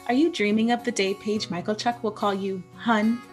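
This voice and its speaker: A young adult woman co-hosting a podcast in casual chat, playful and quick to giggle. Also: medium pitch, fairly even intonation, faint music behind. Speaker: podcast co-host.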